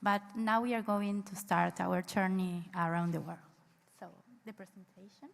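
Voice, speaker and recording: A woman from Argentina speaks to a conference panel at a middle pitch. She explains things in a friendly way. Her voice trails off into the long reverb of a hall. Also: steady tone, moderate pace, vocal fry, a little hiss or hum. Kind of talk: conference presentation.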